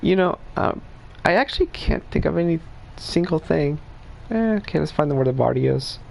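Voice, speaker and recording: A man's voice: fairly high pitch, animated, moderate pace, gravelly, darkish tone. A male streamer giving casual, laid-back gameplay commentary, laughing and cussing as he plays.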